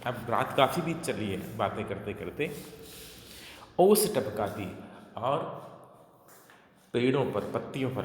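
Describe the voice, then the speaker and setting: A male literature lecturer works through a poem, reading each verse slowly with feeling before breaking it down word by word. His voice sits at an ordinary middle pitch. The recording rings with a long echo, as though captured in a large hall. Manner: recites verses slowly and with feeling, then explains them word by word. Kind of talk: explaining poetry in a lecture. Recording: echoey room with long reverb.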